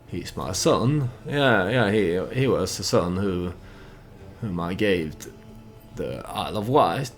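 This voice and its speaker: A let's play host gives unscripted storytelling commentary on a game he's playing, pausing as he thinks out loud and voices his character. His voice is low and animated.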